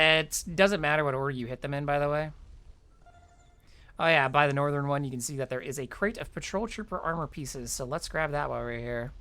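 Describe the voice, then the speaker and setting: A casual game streamer with a mid-range, fairly bright voice talks viewers through the play. He's chatty and informal, explaining as he goes, thinking aloud and swearing mildly.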